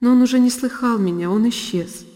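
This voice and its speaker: A woman reading a classic novel aloud as audiobook narration, in a measured, emotive way. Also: on the high side. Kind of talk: scripted literary narration. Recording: long reverb, faint violin music behind.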